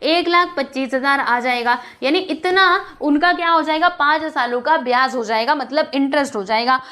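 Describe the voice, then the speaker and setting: A woman's voice: high-pitched, normal speed, fairly bright tone. A young woman teaching a math lesson in a chatty, coaxing way, often asking her students questions and mixing in English terms. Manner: mixes English terms into explanations.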